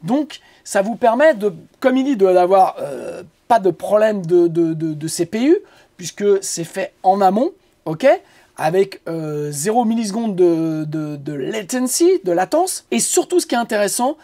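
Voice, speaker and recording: Male producer host, mellow tone, halting casual tutorial delivery full of fillers. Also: high voice, expressive. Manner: rambling, halting with many fillers and repeated words; joking asides. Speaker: music producer teaching audio mixing.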